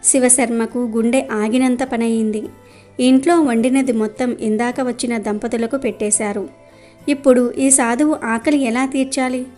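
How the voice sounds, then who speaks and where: A woman's voice: fairly high pitch, steady tone, moderate pace, dark tone, soft background music. Woman narrating a devotional story.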